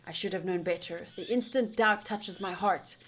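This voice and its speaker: A young woman streamer reads visual novel narration aloud in a lowish voice at normal speed, expressive and informal, tossing in casual asides. The recording is very noisy.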